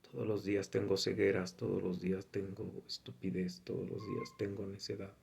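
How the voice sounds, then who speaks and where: A man's voice: low voice, completely flat delivery, brisk, vocal fry, a little mellow, slight background noise. A man giving an informal Bible teaching, reading scripture aloud and commenting on it in a conversational way. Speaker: preacher.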